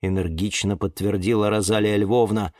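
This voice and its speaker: A man narrating a children's audiobook in an expressive storytelling manner. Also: on the low side, moderate pace, no echo, clean studio sound.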